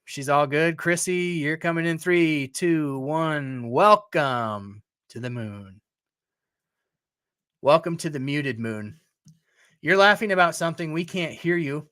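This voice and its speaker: A man's voice: on the high side, unhurried, fairly bright tone, clean tone, no room sound, clean studio sound. Chatty man hosting a live stream. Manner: chatty, frequent fillers and restarts. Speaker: podcast host. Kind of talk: casual live-stream chat.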